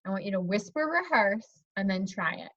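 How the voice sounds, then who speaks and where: A woman teacher demonstrating a phonics lesson to an imagined student, encouraging and modeling words slowly. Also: medium pitch, animated, a bit bright, no echo. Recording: slightly dull, dry recording.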